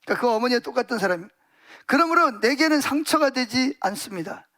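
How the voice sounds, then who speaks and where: A man's voice: extremely high pitch, lively intonation, fast talker, pushed and bright. A male pastor preaching a sermon in a church, telling stories vividly with many emphatic fillers.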